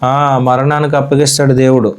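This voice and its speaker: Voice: mid-range voice, flat delivery, normal speed, clean tone. A Sunday school teacher from India giving a children's Bible lesson in a church classroom, asking the children questions and repeating their answers.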